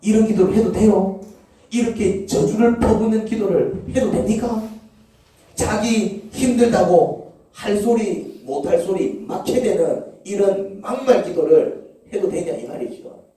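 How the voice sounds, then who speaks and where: A man's voice: sits high, moderate pace, dark tone. A male pastor preaching a sermon in a church, peppering the congregation with rhetorical questions. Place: church sanctuary. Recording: echoey church hall, from far off.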